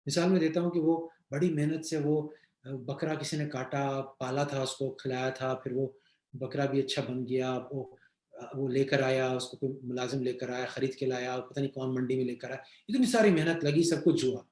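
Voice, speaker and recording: A man's voice: medium pitch, fairly even intonation, a little mellow. A man with a Pakistani accent speaking in a webinar, answering questions on leadership in a conversational way with everyday examples and English phrases mixed in. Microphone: video call. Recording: echoey room sound.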